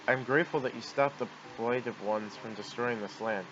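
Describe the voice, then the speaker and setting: A man voicing a solemn, grateful native creature in a game, speaking formally and with measured words. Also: medium pitch, close to an everyday voice. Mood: solemn gratitude. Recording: dull noisy home microphone.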